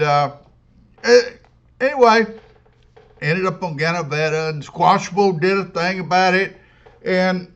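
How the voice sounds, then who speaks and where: A man's voice: a little high, a bit bright. A man hosting his own paranormal channel, talking casually to camera in a rambling, stop-and-start way with many fillers and repeats and a friendly, recommending tone. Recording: dull lo-fi recording.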